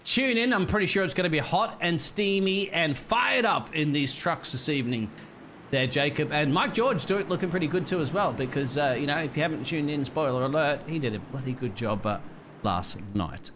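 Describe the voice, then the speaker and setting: A man's voice: a little high, animated, moderate pace, fairly bright tone, slight background noise. A man with an Australian accent giving casual, slangy, slightly hesitant race commentary as a co-commentator.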